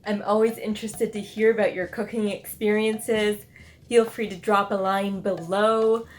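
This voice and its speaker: A woman's voice: medium pitch, steady tone, normal speed, slight background noise. A woman hosting her own cooking channel, talking viewers through a recipe in a chatty, upbeat way and speaking to them directly. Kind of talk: casual cooking demonstration.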